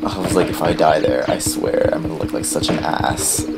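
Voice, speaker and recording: A man hosting a let's play who rambles casually, gets excitable and swears when things go wrong, and whose voice is strained from recently losing it. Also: very deep voice, normal speed, vocal fry, music in the background. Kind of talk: casual gameplay commentary.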